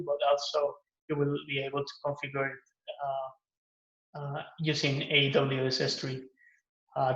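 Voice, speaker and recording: A man from Guatemala gives a recorded pitch for an open source project he maintains, talking in a relaxed way with many "uh" fillers and restarts. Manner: relaxed, with frequent "uh" and "um" fillers and self-repairs. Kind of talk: recorded conference pitch talk. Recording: echoey, muffled lo-fi room recording.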